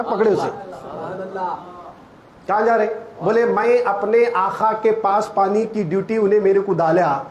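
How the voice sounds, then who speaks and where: A male preacher tells a sermon story, dropping low to narrate and rising to loud shouts. His voice is very high for a man. The recording sounds roomy and echoey, with a crowd heard behind him. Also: muffled recording. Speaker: Islamic preacher.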